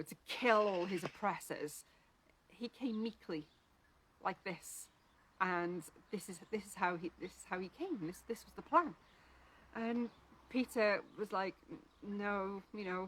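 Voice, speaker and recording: A woman's voice: fairly low pitch, a bit bright. A woman leading a church Bible reading, talking in a chatty, informal way with lots of ums and restarts. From Wales. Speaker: church leader reading scripture. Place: church live stream.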